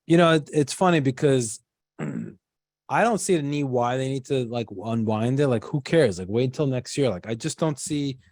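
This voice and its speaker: A man's voice: medium pitch, normal speed, a little mellow, no echo, studio quality. A middle-aged man with a Queens accent giving casual, blunt market commentary in a conversational way, leaning on "like" and "you know". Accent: Queens, New York. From Queens, New York. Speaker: guest investment strategist.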